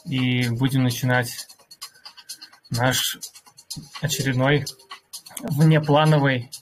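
A man with a slightly husky voice hosting an online workshop, addressing listeners in a courteous customer-service manner. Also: medium pitch, fairly even intonation, slow pace, faint music behind, low-quality recording. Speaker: host of an online crypto community workshop. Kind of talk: polite announcing to online listeners.

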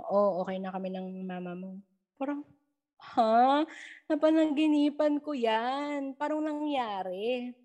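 A young Filipina woman casually recounting personal paranormal experiences, switching into English and acting out quoted dialogue. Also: fairly high pitch. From Philippines. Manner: mixes English into Tagalog, animated retelling with quoted dialogue. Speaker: guest storyteller. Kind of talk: casual storytelling chat.

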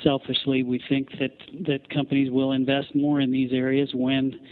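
Canadian guy on a tinny phone line, business guest explaining stuff, halting n measured. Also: medium pitch, completely flat delivery. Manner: halting, measured corporate jargon. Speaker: company founder, interview guest. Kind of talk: explanatory interview talk.

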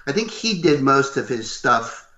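An older man with a loud, gruff voice, telling animated stories as a voice actor being interviewed. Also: medium pitch, unhurried, a loud crowd. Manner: animated, acts out what others said. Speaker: voice actor guest. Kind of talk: interview storytelling. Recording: roomy, slightly dull recording.

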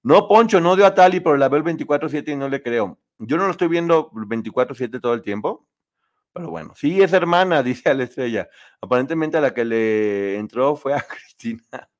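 A man hosting a casual live show, chatting opinionatedly and reading viewer comments. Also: fairly quick. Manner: chatty, opinionated, lively pitch swings.

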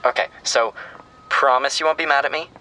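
An actor playing a sentimental, teasing young American younger brother in a naturalistic audio drama. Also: male voice, medium pitch, fairly quick, sharp tone, lightly acted, rough recording. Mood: sheepish. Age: young adult. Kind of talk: scripted audio drama, phone conversation.

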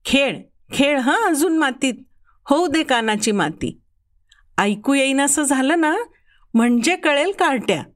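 A woman voicing a sharp-tongued but loving mother who scolds her son, in a storybook reading. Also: high voice, lively intonation, a little slow. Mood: scolding. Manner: scolding, exasperated. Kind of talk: storybook narration.

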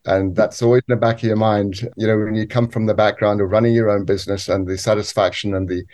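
A man who grew up on a farm in Zambia and lives in the UK, answering interview questions in a measured way with frequent restarts. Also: lowish voice, level tone, darkish tone. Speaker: guest, cofounder.

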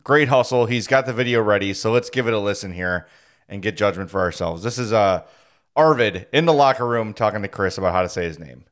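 A man's voice: lowish voice, brisk, fairly bright tone. An American man hosting a sports talk show in a casual, conversational style.

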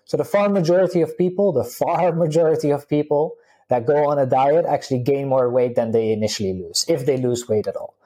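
Recorded with poor audio quality, a vegan health coach in his thirties talks casually as an interview guest. He's Dutch, with a Dutch accent and a mellow, medium-pitched voice that holds a steady tone at a fairly quick pace. He laughs easily and chats on, stumbling through plenty of fillers and restarts.

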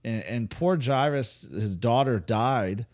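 A man's voice: medium pitch, slow pace. A man co-hosting a faith podcast, casually retelling a Bible story with humor and acting out the characters. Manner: animated storyteller, acts out voices with humor.

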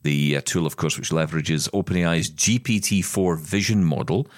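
A Scottish man with a low-pitched voice co-hosts a tech podcast, chatting casually and joking with plenty of fillers at normal speed. The recording is clean studio sound with no echo.

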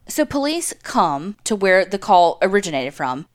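A woman's voice: medium pitch, very animated, normal speed. A woman hosting a podcast, telling a true-crime story in a casual, conversational way. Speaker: podcast host.

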